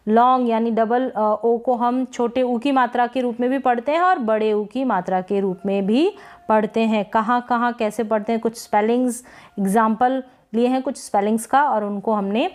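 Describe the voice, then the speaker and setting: Woman teaching English words slowly. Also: fairly high pitch, a little mellow. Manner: slow, repeats each word then gives its meaning. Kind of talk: phonics lesson.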